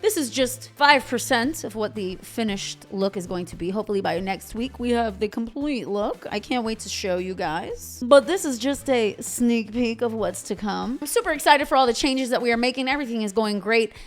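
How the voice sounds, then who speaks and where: A young woman talks through an episode recap in a casual, opinionated way. Her voice sits a little high and she keeps up a chatty flow. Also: moderate pace, hardly any pauses, soft background music. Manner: chatty, opinionated, quotes characters in passing. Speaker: TV recap host.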